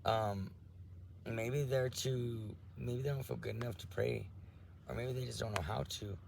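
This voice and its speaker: A man talks through spiritual advice in a rambling, earnest way, with many fillers and restarts. His voice is heavily gravelly and full of fry, and a faint hum of room ambience sits behind him. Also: medium pitch, fairly even intonation, unhurried. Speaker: spiritual channel host. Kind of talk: casual spiritual talk.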